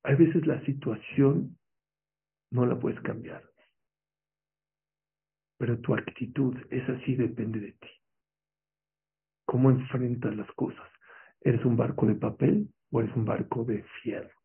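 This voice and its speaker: A man delivers a motivational religious talk, pressing his listeners with rhetorical questions. His voice has a gravelly, rough edge. The sound is thin and narrow, like a phone line. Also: medium pitch, takes it slowly, long pauses. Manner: emphatic, asks the audience rhetorical questions. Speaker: motivational speaker. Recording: tinny, phone-like lo-fi recording.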